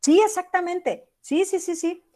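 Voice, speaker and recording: A woman's voice: extremely high pitch, a little slow, dark tone. A woman teacher with a Mexican accent giving an online class, talking casually and acting out example text messages. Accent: Mexican Spanish.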